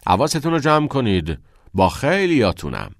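A man's voice: mid-range voice, dry recording, clean studio sound. A man voicing a passionate, unconventional male teacher who talks expressively and teases his students. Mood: earnest. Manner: expressive, teasing.

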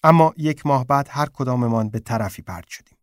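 A man reading a short story aloud in a subdued, low-key way. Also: expressive, no echo. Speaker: narrator.

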